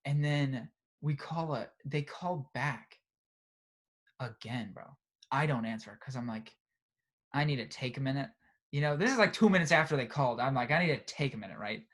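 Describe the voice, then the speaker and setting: A young man co-hosting a podcast, telling a story in a casual, animated way and often tagging "right?" and "bro". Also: mid-range voice, normal speed. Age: young adult. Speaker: podcast co-host. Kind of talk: casual chat.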